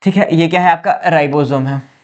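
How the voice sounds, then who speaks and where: Higher-pitched man teaching biology. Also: normal speed, muffled recording. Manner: repeats questions and answers them himself, says "ठीक है" often; addresses students as "बच्चा". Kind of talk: classroom lecture.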